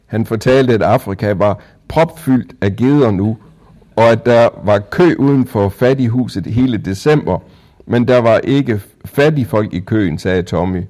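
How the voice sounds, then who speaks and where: A man reading a first-person children's story aloud in a calm, even storytelling manner. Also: on the low side. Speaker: audiobook narrator.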